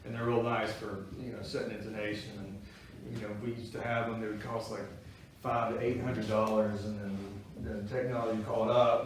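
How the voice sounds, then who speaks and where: A man's voice: medium pitch, far from the mic, background noise. A man teaching a guitar-making class to a small group, explaining things in a folksy, chatty way. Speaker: guitar-building instructor. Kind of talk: casual workshop class talk. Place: workshop classroom with students. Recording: echoey room recorded from afar.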